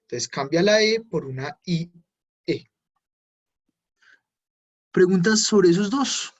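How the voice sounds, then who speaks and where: Husky-voiced man teaching German. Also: sits high, animated, slow. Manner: explains step by step, switching between Spanish and German drills. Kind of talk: online class explanation.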